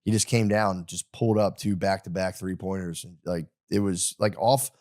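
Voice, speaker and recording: Laid-back guy hosting a chat, low voice. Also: moderate pace, no room sound, studio quality. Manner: excitable, laid-back slang. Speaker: podcast host. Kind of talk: casual chat.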